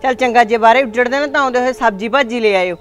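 A man's voice: very high-pitched, quick pace. A man playing a nagging older village mother-in-law, scolding her son and his wife in a web drama. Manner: scolding, sharp-tongued.

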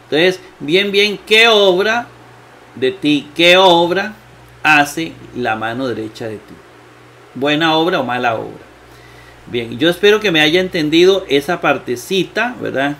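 A man teaching Greek grammar in a slow lecture, thinking aloud with many fillers and asking himself rhetorical questions. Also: fairly high pitch, lively intonation, fairly bright tone. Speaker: Bible exegesis teacher.

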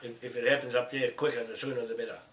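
A group organiser, an older man from New Zealand, chats casually on speakerphone with a croaky, hoarse voice broken by coughs. He speaks very fast and flatly in a mid-range, somewhat bright voice, confidently repeating himself and starting over. Captured from across a cluttered room by a camera, the sound is roomy and distant, with faint noise.

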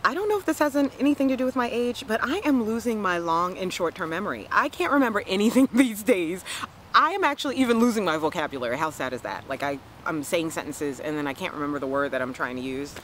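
A woman's voice: fairly low pitch, fast, slight background noise, rough recording. A woman in her forties from the Washington, D.C. area, chatting playfully to camera outdoors and laughing often. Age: 40s. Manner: playful, laughs often, lively self-mocking asides. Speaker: vlogger. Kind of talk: casual chat to camera. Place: outdoors on a lawn by trees. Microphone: camera mic at close range.

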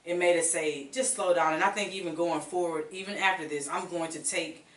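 A woman hosting a radio interview, chatty and quick to laugh as she tells stories. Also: on the low side, fairly even intonation, fairly bright tone, far from the mic. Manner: chatty, laughs often, storytelling. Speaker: radio show host. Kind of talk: casual interview chat. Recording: echoey room, voice off-mic, faint noise.

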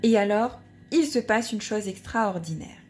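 A woman narrating a children's storybook aloud in a playful, expressive read-aloud style. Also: medium pitch, unhurried. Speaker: storybook reader.

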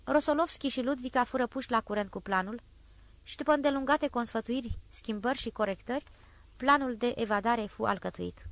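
A woman narrating a classic story in a calm, even literary reading. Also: on the high side, no echo. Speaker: audiobook narrator. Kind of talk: scripted narration.

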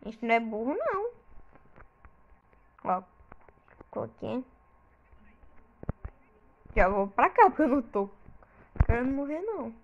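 A woman's voice: fairly high pitch, lively intonation, moderate pace, pauses often, highs cut off. A woman with a Brazilian Portuguese accent giving casual gameplay commentary, full of exclamations and frustrated outbursts. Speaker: gamer.

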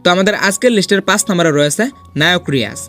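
A man narrating a ranked countdown as a scripted voice-over, with a high-pitched voice and a brisk, rushing pace. His delivery is dramatic and persuasive, and soft music plays underneath. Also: expressive. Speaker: host of a film ranking video.

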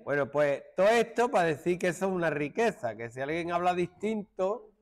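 Lively Andalusian male teacher. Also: sits high, a little fast. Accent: Andalusian Spanish. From Málaga, Spain. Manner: joking, hushes students. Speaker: secondary school teacher. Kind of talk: classroom lesson. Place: classroom.

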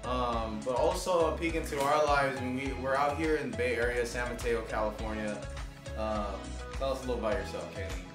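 A young man raised in Los Angeles, chatting casually in a vlog with a relaxed, rambling manner full of fillers. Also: medium pitch, a little fast. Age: young adult. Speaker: vlogger, aspiring fitness coach. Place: living room indoors. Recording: roomy and distant with music.

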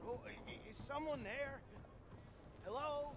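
A high, thin-voiced fake blind beggar in a video game, whining for spare coins. He drawls slowly and turns sullen when caught. Outdoor game ambience hums audibly underneath. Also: heavy background noise, heavily acted. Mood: pleading. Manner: pleading, then sullen and defensive.

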